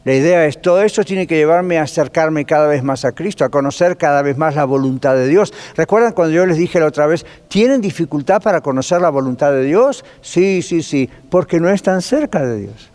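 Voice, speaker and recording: A man teaching a Bible class as pastor, lively and conversational, putting rhetorical questions to his listeners. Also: on the high side, a little fast, few pauses. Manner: lively, asks the class rhetorical questions, drops in English phrases. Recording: long reverb of a church hall.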